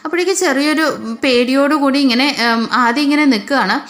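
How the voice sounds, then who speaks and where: A woman's voice: sits high, a little fast, a bit bright. A woman from Kerala with an Idukki Malayalam accent, casually retelling a TV serial scene by scene in a chatty storyteller way. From Kerala, India. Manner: retells scenes chattily, often ending lines with a tag particle. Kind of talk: casual spoken recap with quoted dialogue.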